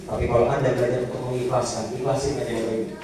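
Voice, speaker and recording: A man giving a motivational business seminar to a live audience, acting out little dialogues in a raised voice. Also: rapid-fire. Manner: animated, acts out dialogues in a high voice. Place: large indoor hall with audience. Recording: echoey hall, mic heard from far off.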